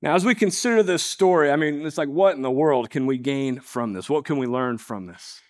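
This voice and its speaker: A man's voice: a little high, a little fast, darkish tone. A man preaching a sermon, reading scripture aloud and breaking off into casual asides and rhetorical questions. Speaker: pastor.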